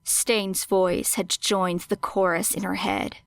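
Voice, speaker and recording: A woman narrates scripted dramatic fiction as an audiobook reader, measured and expressive. Her voice is mid-range and creaky, and the recording is dry.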